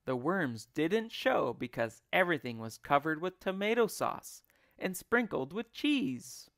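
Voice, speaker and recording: A male English teacher reads a children's story aloud at a slow, careful pace. His pitch rises and falls in wide, lively swings. The voice is dry and close to the mic. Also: gravelly, no room sound. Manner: expressive, deliberate reading.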